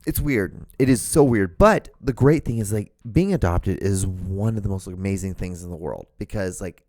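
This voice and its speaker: A Honduran podcast host in his thirties sits at a studio microphone in a home room, facing a camera and wearing earphones, and rambles on his own in a casual, profane manner with many restarts. His low voice is animated and a little mellow, at normal speed. There's no room sound.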